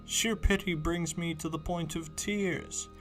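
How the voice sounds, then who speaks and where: A man's voice: on the high side, steady tone, measured pace, voice pushed up, lightly acted. A man playing an awed, pitying poet pilgrim in a dramatic verse reading, with theatrical, pleading delivery. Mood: sorrowful pity. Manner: theatrical, impassioned stage-actor pleading. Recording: reverberant hall sound under music.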